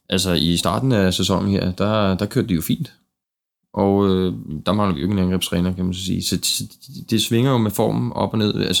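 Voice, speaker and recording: Male podcast panelist, very low creaky voice, casual sports chat with halting, repeated words. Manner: hesitant, repeats words as he thinks aloud. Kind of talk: casual football discussion.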